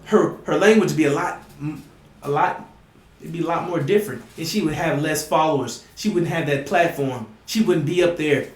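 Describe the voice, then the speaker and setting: Guy preaching hard at his listeners, keeps asking you see, high voice, roomy echo. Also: moderate pace. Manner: emphatic, repeats "you see?" often, rising to shouts. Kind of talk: impassioned preaching monologue.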